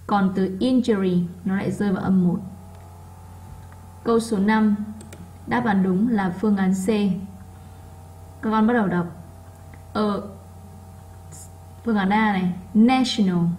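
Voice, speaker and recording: A woman whose first language is Vietnamese, teaching English and going over a workbook test. She reads words slowly with marked stress so students can repeat them. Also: medium pitch, darkish tone, low-quality recording. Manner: drills pronunciation, reading words slowly with stress. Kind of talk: classroom lesson explanation.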